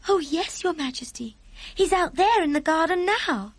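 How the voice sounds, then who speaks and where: A woman's voice: very high voice, animated, moderate pace, no echo, pitched above the performer's own voice. A woman voicing a small girl in a storybook, with a polite, earnest, childlike manner. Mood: earnest, reassuring.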